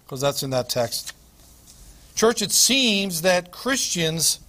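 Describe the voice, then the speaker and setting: A man preaching a sermon as pastor, emphatic, with dramatic pauses and repetition. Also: high voice, a bit bright.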